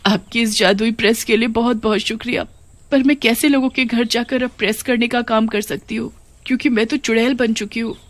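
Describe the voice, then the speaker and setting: A woman's voice: on the high side, steady tone, a little fast, voice pushed up, natural voice. A woman voicing a widowed mother who has become a witch ghost in a cartoon, speaking in a lamenting, emotional way. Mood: grateful.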